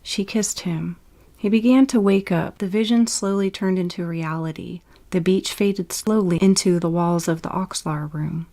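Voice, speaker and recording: A woman's voice: fairly low pitch, moderate pace, dark tone. A woman reading her science-fiction story aloud in a casual way, laughing at it at times. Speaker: narrator.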